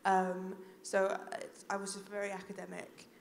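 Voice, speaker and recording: A woman's voice: medium pitch, completely flat delivery, normal speed, vocal fry. A woman in her early twenties with a Welsh Valleys accent, speaking informally and self-deprecatingly on a student panel. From South Wales Valleys. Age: early 20s. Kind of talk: informal panel talk to an audience. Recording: echoey hall, long reverb, faint noise.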